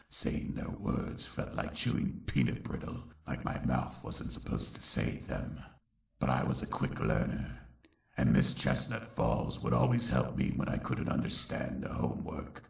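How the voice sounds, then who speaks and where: A man voicing a menacing pony king, telling his life story slowly in a very deep gravelly growl for a comic dub. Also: a little mellow, full character voice. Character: menacing adult pony king narrating his own childhood. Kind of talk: scripted comic dub narration. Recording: echoey, distant-sounding voice track.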